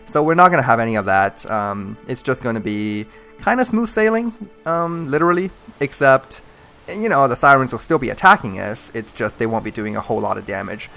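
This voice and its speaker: Soft music plays behind this man's gravelly, sharp, mid-range voice as he commentates a game he's playing, talking fairly quickly with lively intonation. He hosts a gaming channel, was born in mainland China, speaks Mandarin natively, and has a Chinese accent; his chat is rambling, hesitant, and filler-heavy.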